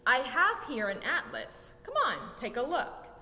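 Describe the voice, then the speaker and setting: A young adult woman reads a children's picture book aloud as a museum story-time reader, her pitch very animated and her pace a little slow. Her rhymed, sing-song delivery swoops emphatically, recorded in an echoey indoor exhibit room with a low rumble.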